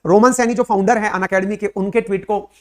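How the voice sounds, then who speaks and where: A man's voice: high-pitched, steady tone, fast. Guy explaining the news to his viewers, asks lots of rhetorical questions, chatty lecture tone. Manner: conversational lecturing with English words mixed in. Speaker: educator explaining current affairs.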